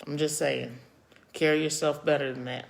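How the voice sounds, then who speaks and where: A woman's voice: sits low, steady tone, moderate pace, creaky. A middle-aged woman hosting a casual live-stream chat, speaking her mind and reacting to viewers, becoming emotional and choked up. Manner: opinionated, reacting to viewer comments. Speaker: host of a live chat show.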